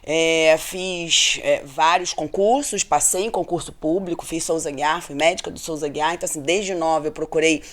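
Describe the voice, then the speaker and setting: A woman's voice: deep voice, normal speed, few pauses. A middle-aged woman physician, telling her story in a casual interview and often tagging her sentences with "né?". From Brazil, Rio de Janeiro state. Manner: animated storyteller, frequent "né?" tag questions. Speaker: physician guest.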